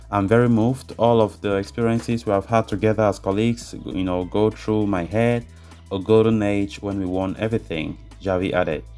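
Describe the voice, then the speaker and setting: A man's voice: on the low side, a little mellow. A man presenting football news, reading a script and adding his own commentary.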